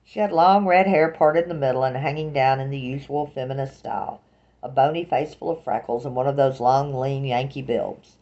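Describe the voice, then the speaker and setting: A woman's voice: rumbling low, steady tone, normal speed, dark tone, lo-fi sound. Wry Southern woman reading a novel. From Alabama, US South. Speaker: audiobook narrator. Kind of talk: first-person novel narration.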